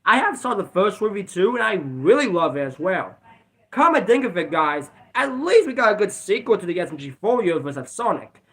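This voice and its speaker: A man's voice: sits high, very animated, a little fast, a bit bright. A man casually reviewing cartoon episodes in a rambling, repetitive way, with bouts of coughing. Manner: rambling, repeats "let's be honest". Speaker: video reviewer.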